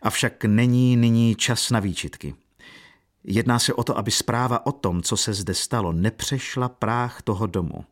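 A man's voice: medium pitch, voice pushed up, lightly acted. A man reading a stern older colonel's lines in a firm, commanding storybook voice.

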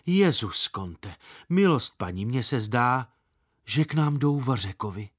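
A man voicing a loud, excitable young housemaid who exclaims in drawn-out cries in a storybook reading. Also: medium pitch, natural voice. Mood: exclaiming.

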